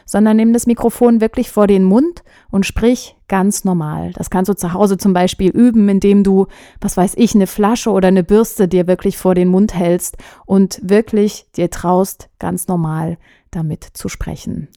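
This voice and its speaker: Woman voice coach, mellow tone, dead-dry booth sound, calm and direct. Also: medium pitch, a little slow, no echo. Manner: calm, direct, addresses listener as du. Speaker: voice coach and podcast host. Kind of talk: spoken advice podcast.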